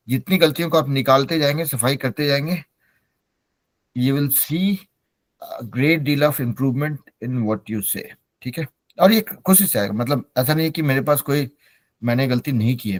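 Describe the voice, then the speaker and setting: A man's voice: mid-range voice, moderate pace, dry recording. Man, native Hindi speaker, English teacher, code-switching, encouraging, dry close sound. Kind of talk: online class instruction.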